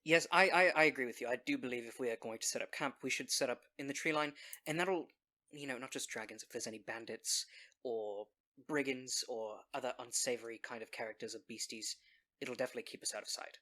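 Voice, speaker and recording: A man's voice: mid-range voice, steady tone, fairly quick, bright, forceful tone. A man playing a tabletop role-playing game, chatting casually and speaking in character.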